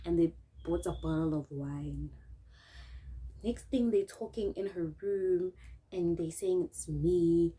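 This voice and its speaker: A woman's voice: lowish voice, slow, husky, low-quality recording. A young South African woman with a South African accent, telling a casual story in a vlog and acting out what people said. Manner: animated, acts out quotes, mixes in local words. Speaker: vlogger. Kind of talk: casual storytime while doing makeup.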